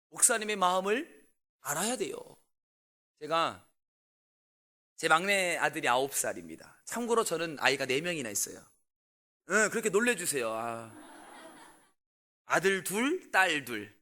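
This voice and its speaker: A man in his forties, a pastor telling a family story in a sermon and asking the congregation questions, with loud bursts and quiet asides. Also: fairly high pitch, unhurried, pauses often. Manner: animated, swings between loud outbursts and quiet asides.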